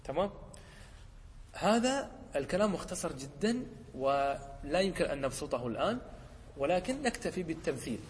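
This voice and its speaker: A man, a sheikh teaching a lesson, who explains a poem, often checks whether his students follow, and slows down to quote examples. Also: a little high, sing-song, long reverb tail, a little hiss or hum. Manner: asks the class short checking questions. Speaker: sheikh teaching Arabic rhetoric.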